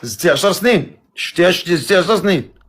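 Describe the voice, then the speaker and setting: A man's voice: high voice, lively intonation, a bit bright. A man with a Moroccan accent hosting a casual live stream, teasing his callers. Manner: teasing, quick banter with callers.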